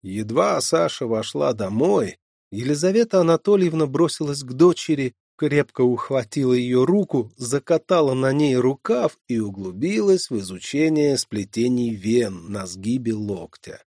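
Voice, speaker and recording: A man narrating an audiobook in a measured, expressive reading. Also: medium pitch, dry recording, studio quality. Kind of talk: scripted narration.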